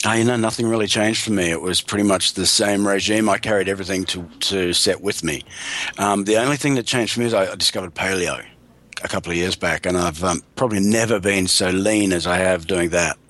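A man's voice: sits low, a little fast, fairly bright tone. A man being interviewed as an actor guest, telling emphatic stories in a casual chat.

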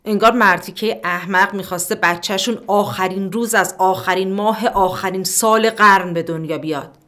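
A woman reading a literary short story aloud as narrator, in a calm, measured way that turns quiet for inner thoughts. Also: medium pitch.

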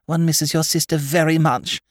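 A man's voice: level tone, moderate pace, no echo, studio quality, lightly acted. A man putting on a gushing young woman activist. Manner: breathless, gushing, high-pitched.

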